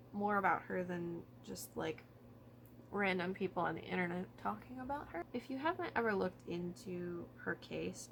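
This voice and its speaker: Woman vlogger just chatting to camera, kinda thinking out loud, noisy background. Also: medium pitch, creaky. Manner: informal, hedging, thinking aloud. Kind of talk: casual chat to camera about true crime.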